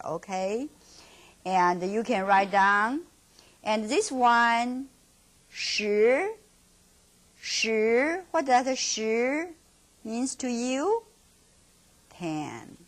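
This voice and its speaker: A middle-aged woman with a Mandarin Chinese accent and a fairly high voice teaches beginners Mandarin in English. She goes slowly through drills, repeating words and posing questions that she then answers herself.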